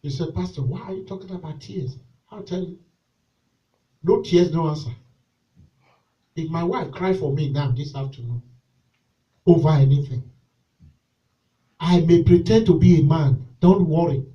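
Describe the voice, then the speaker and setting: A male pastor preaching a sermon with call and response, moving between shouted exhortation and quiet pleading during a church service. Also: on the high side, measured pace, pauses often, distant mic, dull audio.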